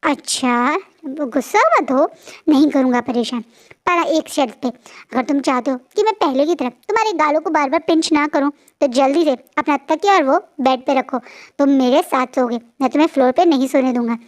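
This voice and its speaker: A woman voicing a playful, teasing young man who banters and coaxes in a high voice. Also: normal speed, lightly acted. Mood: bossy. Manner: coaxing, bantering.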